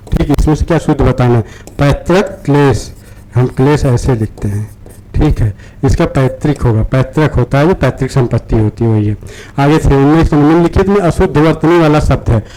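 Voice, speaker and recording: A man's voice: a little high, mellow, slight background noise, poor audio. A man explaining practice questions to exam students, repeating words and often checking in with "theek hai". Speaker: exam-prep teacher.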